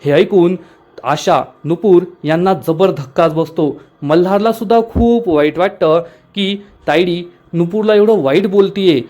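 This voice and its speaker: High-voiced man recapping a serial. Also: measured pace, a little mellow. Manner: plain storytelling, dramatic recap. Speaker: episode recap narrator. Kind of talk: retelling a TV serial episode.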